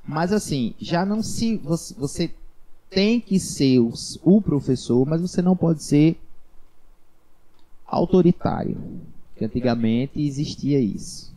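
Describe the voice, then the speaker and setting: A man's voice: fairly high pitch, expressive, a little slow, mellow, rough recording. A middle-aged man, a dance teacher, talking casually and thoughtfully with frequent restarts. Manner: reflective, rambling with restarts. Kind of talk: casual interview chat.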